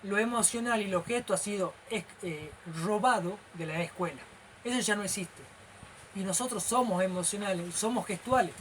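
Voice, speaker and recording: A man's voice: high-pitched, moderate pace, slight background noise, low-quality recording. Man lecturing with a Rioplatense accent. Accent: Rioplatense Spanish. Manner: explanatory, constantly checking in with the listener; animated and gestural. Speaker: teacher. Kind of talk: informal lecture.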